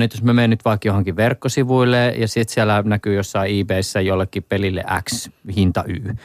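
Low-voiced man asking long questions. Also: no room sound, clean studio sound. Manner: asks long, winding questions. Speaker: host. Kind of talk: casual interview.

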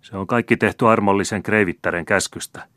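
A man's voice: on the low side, steady tone, fairly bright tone, no echo, clean studio sound, pitched above the performer's own voice, close to an everyday voice. A man reading an audiobook voices an old, loyal gardener who answers with stiff, wounded pride. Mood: hurt, proud. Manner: stiff, proud.

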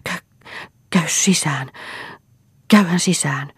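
A woman's voice: a bass voice, steady tone, gravelly, slightly rough, dry recording, heavily acted. A woman voicing a stammering, distraught farmer man. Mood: agitated. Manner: stammering, breathless, agitated.

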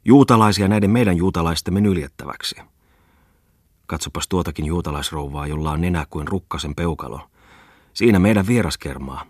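A man reading an audiobook voices a loud, excitable lame man who rants scornfully and breaks into shouts. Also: low voice, slightly rough, no echo, studio quality. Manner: raves loudly, jumps into shouts. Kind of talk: audiobook character voice.

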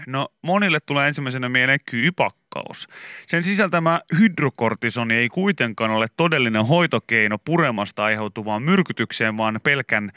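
Lively, bright-voiced male radio host. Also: medium pitch, no room sound, clean studio sound. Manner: lively, laughs often, animated storytelling. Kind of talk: casual radio chat. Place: radio studio. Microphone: studio microphone.

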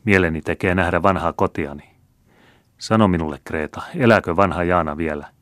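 A man's voice: low-pitched, a bit bright, dry recording, clean studio sound. A man reading the lines of a remorseful noble count in an audiobook, in an earnest, heartfelt way. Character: noble middle-aged male count, remorseful.

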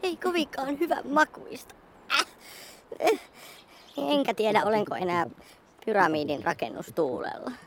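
A woman's voice: medium pitch, very animated, pauses often, very noisy. A woman voicing a fussy, pompous old alien man from space in a radio play. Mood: uneasy. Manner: formal, pompous, easily fretful.

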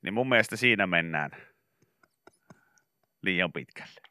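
A man co-hosting a morning radio show, talking in a bright, forceful tone. His voice is smooth and crisp, recorded dry and close in the studio. He banters casually and jokes around. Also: sits low, animated, dry recording. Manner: jokey, sings and shouts song intros.

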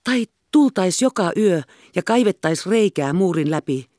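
A woman's voice: lowish voice, animated, darkish tone, no room sound, clean studio sound, pitched above the performer's own voice, natural voice. A woman reading an eager, dreamy schoolboy. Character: dreamy, hot-tempered schoolboy.

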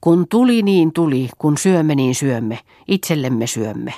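A woman reading the part of a motherly, homely farm mistress in an audiobook, gently bossy and fond of proverbs. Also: deep voice, lively intonation, dry recording, studio quality.

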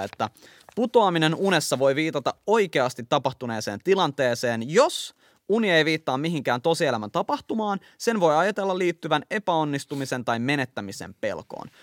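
Speaking at a medium pitch, this male co-host from Finland reads excerpts from an article on a casual chat podcast, then launches into animated accounts of his own dreams. It is studio-quality audio with no echo.

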